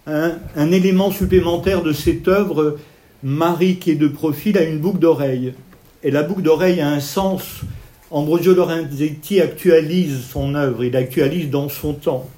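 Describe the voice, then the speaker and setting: Mellow-voiced man lecturing on art. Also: on the high side, normal speed. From Italian family background. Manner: explanatory, points at slides, talks with his hands. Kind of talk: evening lecture on paintings.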